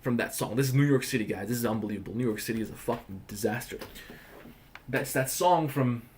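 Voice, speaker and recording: A man's voice: medium pitch, fast talker, slight background noise. Profane, blunt man ranting on livestream. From Croatia. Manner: profane, blunt, animated storytelling. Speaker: livestream host. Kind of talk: casual livestream rant.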